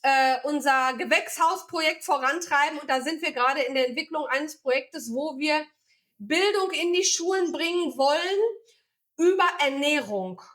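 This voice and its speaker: High-voiced German woman explaining her charity. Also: moderate pace, fairly bright tone. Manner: explains with many fillers and restarts. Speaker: charity founder. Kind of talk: casual interview chat.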